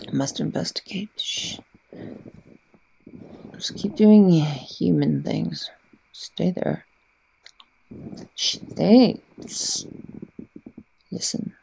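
A woman voicing a haughty, secretly affectionate cat girl in a soft ASMR ASMR role-play, murmuring haltingly with breathy mouth sounds. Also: sits low, slight background noise, exaggerated voice, rough recording. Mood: bossy, curious.

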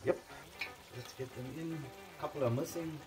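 A man's voice: on the high side, moderate pace. Middle-aged man with a Durban Indian accent. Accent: Durban Indian South African. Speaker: cooking show host. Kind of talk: casual cooking demonstration. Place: home kitchen, indoors.

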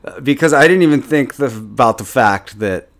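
A man's voice: medium pitch, animated, moderate pace. A man giving casual, self-critical commentary on his own gameplay as a channel host, thinking aloud with restarts and chuckles.

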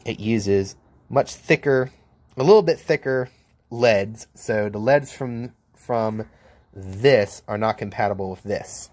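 A man's voice: fairly low pitch, takes it slowly, darkish tone, no room sound. An American man, a welder, giving a casual hands-on demo of his tools, blunt and joking, filmed one-handed at an outdoor work table. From United States. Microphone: handheld camera mic, filming one-handed.

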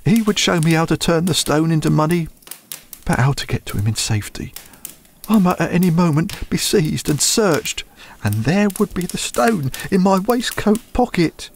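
Man acting as a panicked young thief, high voice, gravelly, radio drama. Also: lively intonation, normal speed, a little hiss or hum. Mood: desperate. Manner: desperate, pleading, breaking into sobs. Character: frightened young male thief confessing.

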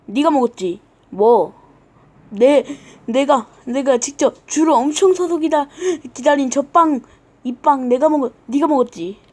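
A woman telling a playful homemade character skit, whiny and dramatic, swinging between loud and quiet. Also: high-pitched, a little slow. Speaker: storyteller playing with characters.

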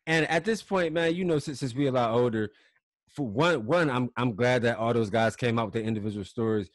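A man's voice: mid-range voice, no room sound. A man hosting a podcast interview, a former college football player who agrees often and asks questions in a casual way. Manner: affirming, quick to agree and laugh along.

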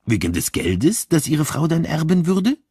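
A man reads as an unflappable older detective, speaking low and slowly in a mild, encouraging way. The voice has a slightly husky edge, and the recording is dry and close. The delivery is storybook-style, soft with quiet irony. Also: big pitch swings, dry recording. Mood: calm, gentle. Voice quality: low, gentle and slow.

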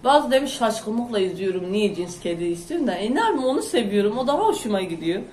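A woman chatting loudly and rambling to her viewers in a casual home vlog. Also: mid-range voice, very animated, fast talker, slight background noise. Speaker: vlogger. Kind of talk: casual chat to camera. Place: home, indoors. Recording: echoey room.

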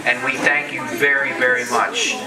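A man's voice: mid-range voice, flat delivery, normal speed. A middle-aged man presenting awards at a public ceremony. He speaks on a handheld microphone and breaks off the script to joke. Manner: joking, off-script asides. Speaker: county commissioner presenting awards. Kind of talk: casual public ceremony speech. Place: large open-sided farm hall. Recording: echoey hall, crowd noise, distant mic.

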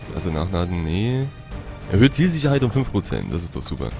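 A man's voice: low voice, big pitch swings, brisk, vocal fry. A young man giving casual, slangy gameplay commentary, thinking aloud into a headset. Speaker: gaming let's-player. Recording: game music behind.

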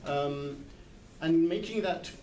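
Taking his time, a literary translator in his sixties speaks in a mellow, higher-pitched voice. He's tentative and reflective, searching for words among a small group seated in a circle for an informal book club in a large indoor hall. The far-off camera mic gives echo and background noise.

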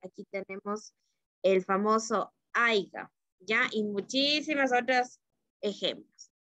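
A woman teacher walks her class through language terms in a patient, explaining manner, stopping often to check that they follow. Her voice sits a little high and the sound is close and dry, with no room around it. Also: a bit bright, no echo, dull audio. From Ecuador. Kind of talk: online literature lesson.

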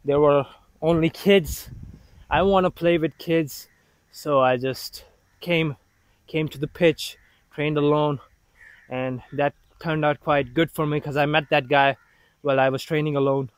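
A man talking casually to the camera about his football training, halting and self-motivating as he thinks aloud on an outdoor pitch. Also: steady tone, no room sound.

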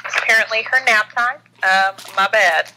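A woman's voice: medium pitch, normal speed, bright, forceful tone, a little hiss or hum, poor audio. A woman co-hosting a racing podcast in playful casual chat. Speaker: podcast co-host.

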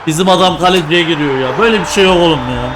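Gaming streamer, young man, voice a bit high, jokey and trash-talking, light noise under the mic. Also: very fast, a crowd in the background. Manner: excitable, joking, trash-talking, repeats calls. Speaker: gaming YouTuber. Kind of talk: live gameplay commentary with teammates.

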